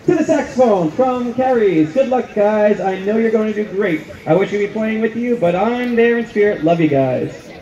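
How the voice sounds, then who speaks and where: A man announcing at a stadium, reading shout-out messages over the PA with playful, jokey asides. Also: high-pitched, expressive, moderate pace, hardly any pauses. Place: outdoor stadium at a band show. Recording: echoey lo-fi stadium PA with faint music.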